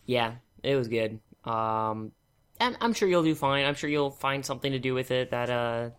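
A man's voice: medium pitch, moderate pace, a bit bright, clear, resonant tone. A man hosting a podcast in a casual, wry, joking way. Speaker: podcast host. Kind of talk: casual chat.

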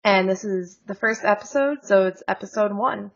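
A woman's voice: medium pitch, normal speed, vocal fry, dull audio. A woman co-hosting a podcast in casual chat, joking and rambling with frequent laughs, over a video call. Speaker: podcast co-host.

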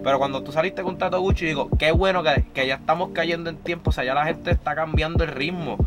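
A male co-host who talks fast and chatty. His voice sits a little high for a man. Music plays clearly under the conversation. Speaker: podcast co-host. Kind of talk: casual interview chat.

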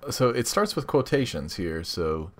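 A man's voice: on the low side, sing-song, measured pace. A man co-hosting a casual comedy chat, playfully reading a listener's text aloud with mock dramatic emphasis. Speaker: podcast co-host reading listener prompts.

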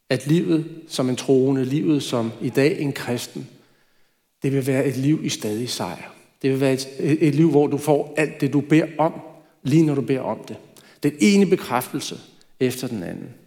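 A man's voice: medium pitch, pauses often, warm tone. A man preaching a sermon in a church, talking in a conversational way with light asides. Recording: reverberant church hall.

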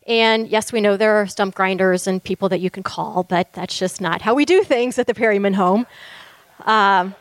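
A woman's voice: medium pitch, moderate pace, dry recording. A woman co-founder of a ministry telling a church group her story in a candid, heartfelt testimony with light laughter.

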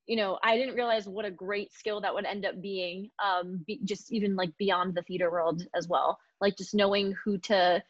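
A woman's voice: mid-range voice, steady tone, normal speed, hardly any pauses, dull audio. A young woman hosting an interview podcast, reading a scripted intro and then asking friendly conversational questions. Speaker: podcast host.

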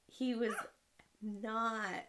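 A woman's voice: a little high, fairly even intonation, extremely slow, a bit bright. Chatty woman telling a rambling anecdote. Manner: rambling storyteller, laughs often. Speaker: podcast co-host. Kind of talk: casual chat.

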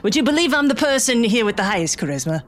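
A woman's voice: on the high side, big pitch swings, quick pace. A woman playing a tabletop game casually, joking and self-mocking. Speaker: player.

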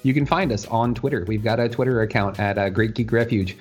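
A man's voice: fairly low pitch, a little fast, soft background music. A man hosting a podcast in an informal, jokey, chatty way. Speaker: podcast host. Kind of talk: casual chat.

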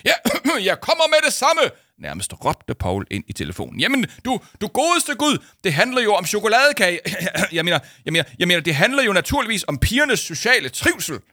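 En mand, der spiller en venlig voksen skolerådgiver, som snakker løs med masser af fyldord og gentagelser. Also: male voice, medium pitch, animated, gravelly, fairly bright tone, no room sound, studio quality. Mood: agitated. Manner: chatty, many fillers and repeated words. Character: kind cheerful adult male school counselor.

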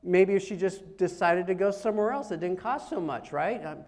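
A middle-aged man giving a conversational sermon as a pastor, telling stories in a casual, animated way with big swings in loudness. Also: high voice, moderate pace.

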